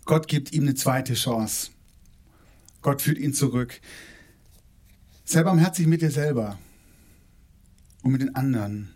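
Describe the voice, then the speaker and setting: A man preaching a sermon in an informal, colloquial way, often restarting and repeating words, and slowing down to stress key phrases. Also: a little mellow. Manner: slows down and lowers his voice for emphasis.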